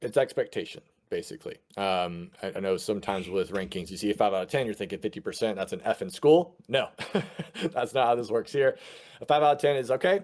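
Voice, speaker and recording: A man in his thirties co-hosts a podcast in a fairly low voice. He is chatty and lays things out in plain, friendly terms. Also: a little fast, darkish tone. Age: 30s. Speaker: podcast co-host. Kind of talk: casual podcast chat.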